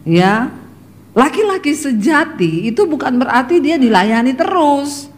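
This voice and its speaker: A middle-aged woman preaching a sermon, telling lively stories about her family and acting out their voices as she addresses the congregation. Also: sits high, a little slow. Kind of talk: sermon with personal anecdotes.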